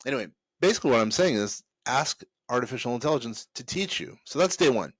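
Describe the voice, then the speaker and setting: A man's voice: mid-range voice, animated, fast talker, no echo. A man hosting a casual talk show, giving advice to entrepreneurs in a loose, rambling way with restarts and fillers. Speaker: host.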